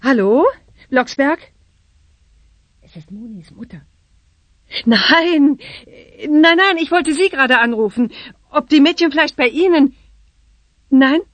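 A woman's voice: high-pitched, fairly bright tone, dry recording. A middle-aged woman voicing an anxious, bossy witch mother in a children's radio play. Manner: fretful and bossy, chants spells.

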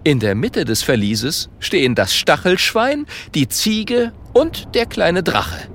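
A man narrating a children's audiobook in a slow, expressive storytelling manner. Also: a little high, a little hiss or hum.

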